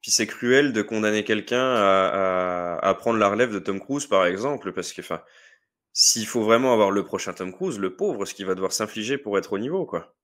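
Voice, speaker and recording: Low-voiced French man, measured. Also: animated, fairly bright tone. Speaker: podcast guest. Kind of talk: casual chat about films.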